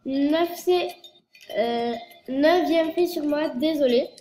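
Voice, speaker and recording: A woman's voice: high-pitched, takes it slowly, mellow, faint music behind. A girl in her early teens from France, rambling through a casual vlog with lots of fillers and self-corrections, her nose stuffed up from a cold. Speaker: youtuber. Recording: echoey room with faint noise.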